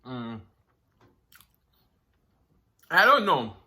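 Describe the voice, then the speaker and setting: Jamaican man eating crunchy fried chicken, bright voice. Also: mid-range voice, sing-song. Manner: eating crunchy fried chicken while talking, savoring pauses and mms. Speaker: mukbang host. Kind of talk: casual eating-show chat.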